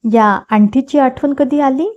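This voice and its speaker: A woman's voice: high voice, measured pace, warm tone. A woman voicing a polite, cheerful young woman visiting a family. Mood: friendly. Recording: dull lo-fi recording.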